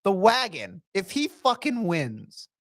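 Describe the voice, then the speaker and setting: This podcast co-host has a high voice with huge swings in pitch, and he takes his time speaking. The casual wrestling chat is loose, full of jokes and profanity.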